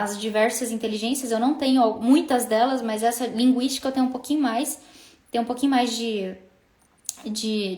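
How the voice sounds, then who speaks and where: High-voiced woman coaching in an echoey room. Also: darkish tone. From Brazil. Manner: chatty, frequent tag questions and restarts. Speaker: singing business coach. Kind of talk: casual live-stream teaching.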